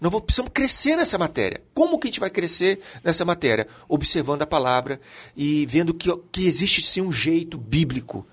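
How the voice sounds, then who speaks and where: Animated husky Brazilian man teaching. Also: fairly high pitch, brisk. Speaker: teacher and co-host.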